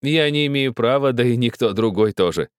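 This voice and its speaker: A man's voice: medium pitch, lively intonation, brisk, smooth, no room sound, studio quality, pitched above the performer's own voice, lightly acted. A man voicing a cheerful, joking old dandy who manages a mine, teasing and laughing in an older man's voice. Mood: amused.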